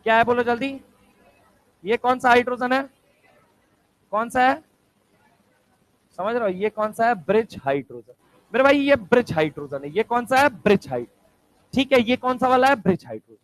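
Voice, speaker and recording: A male chemistry teacher lecturing a class, firing quick rhetorical questions and answering them himself. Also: very high-pitched, lively intonation, no room sound, low-quality recording. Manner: answers his own questions aloud.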